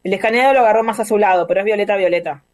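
A woman's voice: mid-range voice, racing, a little mellow, dry recording. Rioplatense woman, dry rambling speech. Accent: Rioplatense Spanish. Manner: rambling, searching for words. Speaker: artist guest. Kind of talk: casual video call interview. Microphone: video call.

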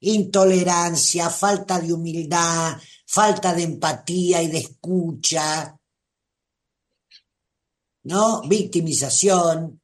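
Slow, gentle Rioplatense teacher. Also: medium pitch. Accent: Rioplatense Spanish. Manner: gentle, reflective, addresses listeners by name. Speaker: host, spiritual teacher. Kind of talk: live talk answering listener comments.

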